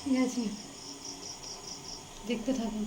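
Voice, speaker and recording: A woman's voice: a little high, fairly even intonation, slow pace. A woman, chatting to viewers in a casual home vlog as she shows her shopping and cooking. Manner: chatty, addresses viewers as friends while showing things. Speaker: home vlogger. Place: home, kitchen. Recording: loud home background noise.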